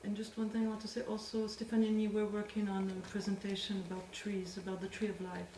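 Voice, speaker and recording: A woman's voice: mid-range voice, completely flat delivery, fast talker. A woman speaking informally, adding short remarks to a group presentation, recorded from a distance in a room. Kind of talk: informal spoken interjections. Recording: far from mic, echoey noisy room.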